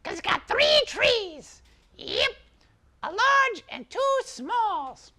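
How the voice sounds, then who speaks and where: Doom, a shrill little imp. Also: male voice, extremely slow, heavily acted. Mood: gleeful. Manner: screechy, excitable, shouty. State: straining his voice. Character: shrill, bratty little male imp sidekick. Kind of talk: comic product skit.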